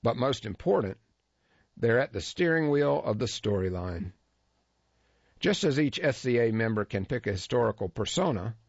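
This is scripted first-person narration: a man with a medium-pitched voice reads a feature story with wry, dry humor. The lo-fi recording is dull and dry, with no echo.

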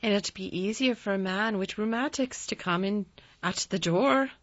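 A woman voicing a crabbed but tender old Yorkshire gardener, with a dry, slow, obstinate manner, in a storybook reading. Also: mid-range voice, no room sound, muffled recording, lightly acted. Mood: grumpy, obstinate.

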